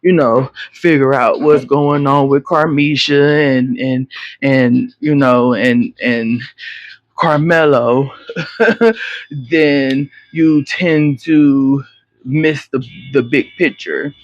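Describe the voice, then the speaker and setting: A man's voice: medium pitch, steady tone, slow, no echo. A man giving a casual spoken tarot reading, rambling and profane, full of fillers and restarts, on a slightly muffled lo-fi recording. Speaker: tarot reader.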